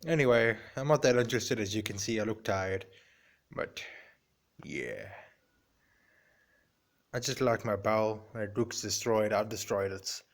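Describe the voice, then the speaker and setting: A man voicing his pet African grey parrot as a tired, camera-shy bird with a low, subdued manner. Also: a little slow, long pauses.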